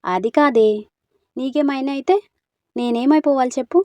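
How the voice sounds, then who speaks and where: Picture a woman reading the part of a young village man with a quick temper and a soft heart, fussing and coaxing in a fairly high voice. The reading is dry and close, with no room around it. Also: no echo, natural voice. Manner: scolding then coaxing.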